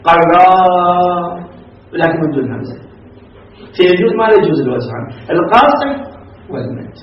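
A man's voice: on the high side, sing-song, brisk, a little hiss or hum. A man teaching a class on recitation rules, explaining step by step and asking and answering his own questions. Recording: echoey, muffled room recording from a distance.

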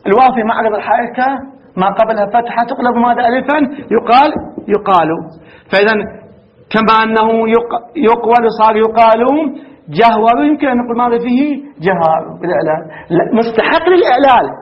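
A man teaching an Arabic grammar lesson. He asks questions and answers them himself, and he repeats words slowly with halting restarts. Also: extremely high pitch, muffled recording. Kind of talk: classroom lecture.

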